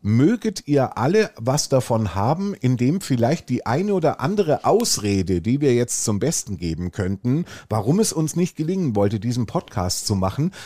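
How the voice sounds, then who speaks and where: A man's voice: medium pitch, mellow, dry recording. A man hosting a casual podcast, rambling through wry anecdotes. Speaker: podcast host.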